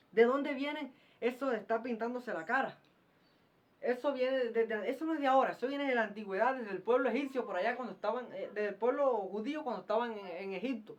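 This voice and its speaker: A man preaching a fiery, scolding sermon, firing off rhetorical questions and repeating himself. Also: very high-pitched. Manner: repeats phrases and stumbles into restarts. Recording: muffled lo-fi recording.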